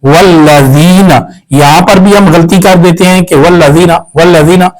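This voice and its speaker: A fairly high-voiced man with a Pakistani Urdu accent, teaching Quran recitation step by step. He spells out letters and vowel marks, stretches the sounds out slowly, then explains each rule in a quick, matter-of-fact way. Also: fairly even intonation, slight background noise, poor audio. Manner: slow drawn-out syllables when reciting, brisk when explaining.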